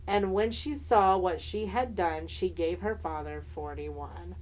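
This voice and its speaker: A woman's voice: lowish voice, measured pace, a little mellow, low-quality recording. A woman co-hosting a podcast, telling stories in a casual comedic way with sassy, campy slang and playful swearing. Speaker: podcast co-host. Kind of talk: casual comedic storytelling mixing read narration and chat.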